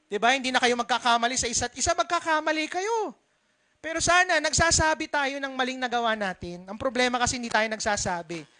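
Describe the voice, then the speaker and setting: A man's voice: extremely high pitch, bright, forceful tone. A male pastor giving a conversational sermon, switching between Filipino and English and asking his congregation questions.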